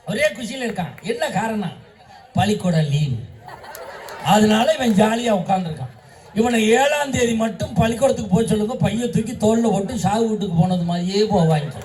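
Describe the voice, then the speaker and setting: Guy moderating a debate stage, cracking jokes, shouts the punchlines, sounds far from the mic. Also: very high-pitched. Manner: joking storyteller, bursts into shouted punchlines. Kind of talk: humorous stage speech to a live audience.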